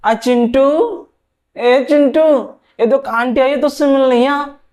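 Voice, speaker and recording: A man voicing a sharp-tongued middle-aged mother who grumbles and shouts for her son. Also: very high-pitched, steady tone, a little slow, pitched above the performer's own voice. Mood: calling out.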